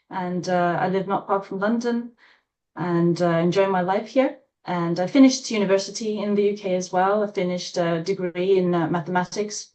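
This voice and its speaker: A woman from Latvia, a guest in an interview, speaking in a thoughtful, hesitant way with many fillers and soft laughs. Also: on the low side. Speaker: interview guest, trauma-informed coach. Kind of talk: casual interview chat.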